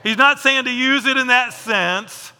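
Preacher guy, talks to the crowd like a chat, high bright voice. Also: a little slow, smooth, long reverb tail. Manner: conversational, asks the audience questions. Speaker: pastor. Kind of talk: sermon.

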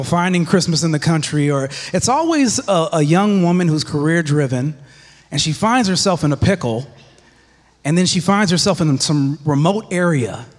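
A man preaching a Christmas Eve sermon as pastor, with a humorous, conversational style. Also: fairly high pitch. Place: church sanctuary. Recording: long church reverb.

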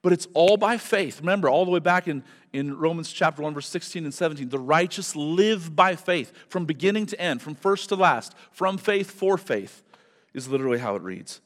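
A man's voice: a little high, animated, normal speed. A male pastor preaching a sermon at a pulpit microphone in a church, emphatic and building to fervent repetition. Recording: long hall reverb from a church.

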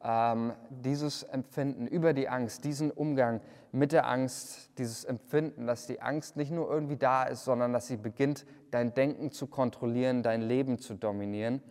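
A man's voice: medium pitch, fairly even intonation, moderate pace, few pauses, a little mellow, in a large hall. A man preaching a livestreamed sermon, earnest, often repeating words and restarting his sentences. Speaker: pastor.

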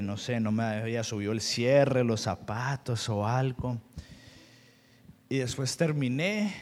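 A young man from Colombia with a Colombian Spanish accent, preaching a sermon as a pastor, telling personal stories earnestly and slipping into English asides. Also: mid-range voice. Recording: long hall reverb.

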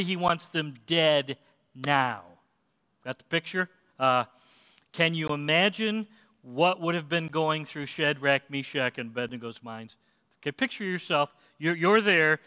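A man preaching a sermon, telling the story with animated delivery, acting out quotes and asking listeners questions. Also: fairly high pitch, smooth, big-room sound. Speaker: pastor.

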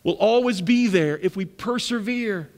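A man preaching a sermon as pastor, acting out the words of the scripture figures in lively bursts. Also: sits high, measured pace, in a large hall.

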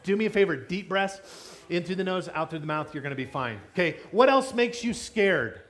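A man's voice: high voice, a little fast. Upbeat man preaching to kids. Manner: energetic, playful, asks the kids questions. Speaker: children's pastor. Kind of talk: kids' sermon with audience interaction.

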